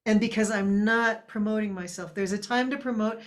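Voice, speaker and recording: A woman's voice: mid-range voice, steady tone, a little fast. A woman hosting an online meeting in a casual, chatty way. She laughs often and keeps asking the others to speak. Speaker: meeting host. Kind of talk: casual video call talk. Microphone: video call.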